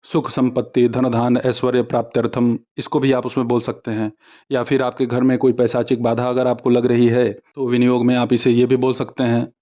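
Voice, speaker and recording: Guy teaching mantras, chants them slow and steady, kinda muffled lo-fi audio. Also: medium pitch. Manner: slow measured chanting of Sanskrit verses. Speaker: spiritual teacher. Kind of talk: devotional instruction with mantra recitation.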